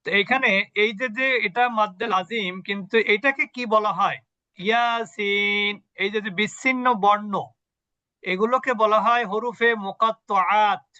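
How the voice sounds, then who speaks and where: High-voiced man teaching slowly over a call. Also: sharp tone, no echo. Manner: asks questions and answers them himself, slow and deliberate. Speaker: Quran recitation teacher. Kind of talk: online tajweed lesson. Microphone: video call. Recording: dull, dry video call audio.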